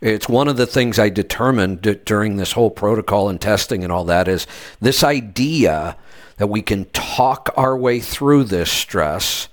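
A man with a somewhat low voice hosts a casual conversation. He tells long stories in an easygoing way, often restarting his sentences. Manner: laid-back storytelling with frequent restarts. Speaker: host. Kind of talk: casual podcast chat.

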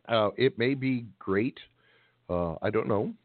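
This middle-aged co-host of a trucking call-in radio show speaks slowly in a fairly low voice. His casual talk rambles along with folksy jokes. The recording is dry, with the tinny quality of a phone line.

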